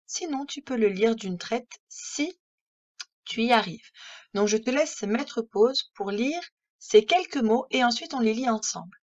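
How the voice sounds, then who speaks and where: A woman's voice: on the high side, lively intonation, lo-fi sound. A woman teaching a reading lesson to young children, encouraging them and sounding out words syllable by syllable. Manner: slow, deliberate syllable-by-syllable pronunciation; gentle, encouraging tone addressing children. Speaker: primary school teacher.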